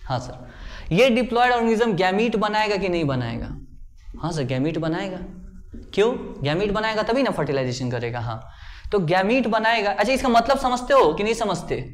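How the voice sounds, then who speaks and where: A man's voice: sits high, expressive, brisk. Playful man teaching biology. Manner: playful, voices student questions himself and answers them; checks often whether the class follows. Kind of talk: classroom lecture.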